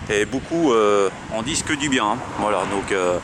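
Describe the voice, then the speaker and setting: A radio operator from France, speaking with a French accent, shows off his equipment at a roadside outdoors in a casual, hesitant chat full of repetition. His voice is lowish with lively intonation at a normal speed. The background is noisy.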